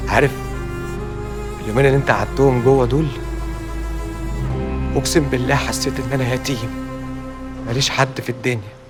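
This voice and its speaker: An actor playing a loyal, joking Egyptian best friend who calms his buddy down, in a TV comedy-drama, with a music score behind. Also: mid-range voice, close to an everyday voice. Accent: Egyptian Arabic. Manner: jokey, soothing.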